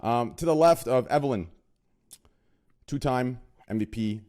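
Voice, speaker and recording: An unhurried man of medium pitch and slightly mellow tone hosts a podcast. He introduces guests through rambling, self-conscious jokes, leaning on plenty of fillers in casual conversation.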